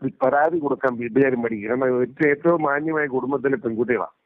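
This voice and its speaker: A man's voice: mid-range voice, fast, dry recording. A man speaking emphatically in a casual phone conversation, repeating his points, heard over a phone line. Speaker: interviewee. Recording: tinny dry phone line.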